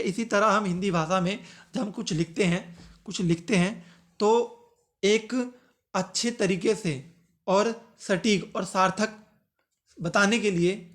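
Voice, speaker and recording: A man teaching a grammar lesson as the channel's host, repeating his phrases and slowing down to read example sentences aloud. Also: sits high, a bit bright. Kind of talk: exam-prep grammar lesson.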